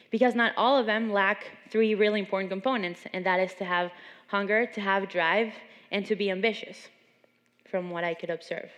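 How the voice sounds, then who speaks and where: A young adult woman from Venezuela giving an earnest motivational talk at a seminar, telling stories. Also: medium pitch. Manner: earnest, storytelling. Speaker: seminar speaker. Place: large gym. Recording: long reverb in a gym hall.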